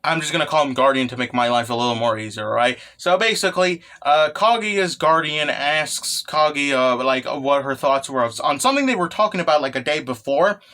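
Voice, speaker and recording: A man hosting a manga recap as an excited anime fan, casual, sweary and irreverent, often checking in with the listener. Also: a little high, normal speed, few pauses. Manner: often tags phrases with "okay" or "right". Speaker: host of a manga chapter review channel.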